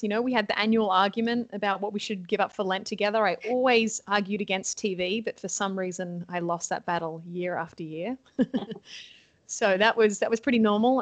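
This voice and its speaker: Appearing as an interview guest, a cheerful young Australian nun from Sydney keeps the conversation casual, full of laughter and frequent ums. She speaks in a mid-range voice, recorded without echo.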